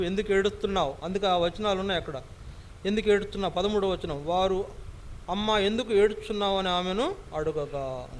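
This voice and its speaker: A man's voice: high voice, a little hiss or hum. A man preaching a sermon, emphatic, repeating phrases and putting rhetorical questions to the congregation.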